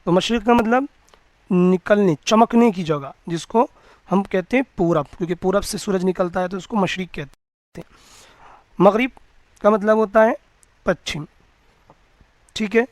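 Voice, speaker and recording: Man, religious teacher, high-pitched, dry recording, patient word-by-word lecture. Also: no echo. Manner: reads each word slowly, then explains it.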